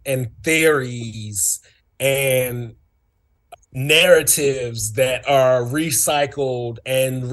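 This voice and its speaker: A man co-hosting a casual livestream talk show, musing in a reflective, drawn-out way with many fillers. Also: mid-range voice.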